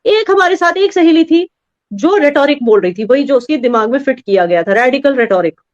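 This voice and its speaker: A woman's voice: high voice, lively intonation, a little fast, darkish tone, no echo. A woman from Kashmir, a guest who argues her point earnestly and emphatically with homely examples. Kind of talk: earnest conversational argument. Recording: dry, slightly muffled audio.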